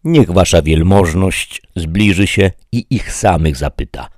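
A man's voice: sits low, lively intonation, a little slow, darkish tone, no room sound, clean studio sound. A man voicing a blunt, impatient mounted guard who speaks brusquely.

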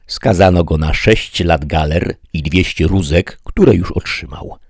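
Man, audiobook narrator, deep voice, lively intonation, dry close sound. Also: unhurried, husky, no room sound. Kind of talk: audiobook narration of a classic novel.

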